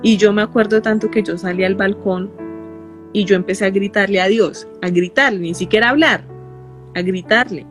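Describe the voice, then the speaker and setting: A woman with a Colombian accent giving an emotional personal testimony in an interview, halting and repeating phrases as she goes. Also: mid-range voice, faint music behind. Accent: Colombian Spanish.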